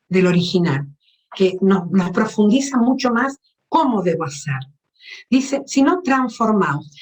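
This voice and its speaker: A woman's voice: fairly high pitch, low-quality recording. Woman preacher explaining Scripture. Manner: asks the audience questions, explains Greek words. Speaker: preacher at a women's meeting. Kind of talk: teaching sermon.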